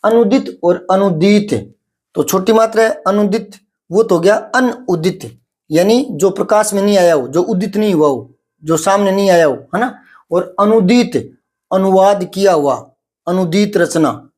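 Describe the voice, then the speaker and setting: A man's voice: high voice, darkish tone. A man teaching a Hindi vocabulary lesson, explaining paired words patiently and checking in often with his students. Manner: explanatory, drawn-out contrasts, frequent "ठीक है" check-ins. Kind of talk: spoken grammar lesson.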